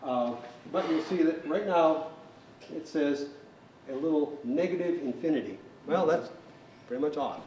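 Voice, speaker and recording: Recorded from a distance in a large hall, with echo, faint noise and lo-fi sound, a technician instructor walks through equipment hands-on. His slightly high voice is mellow and animated, unhurried and methodical, and he speaks plainly.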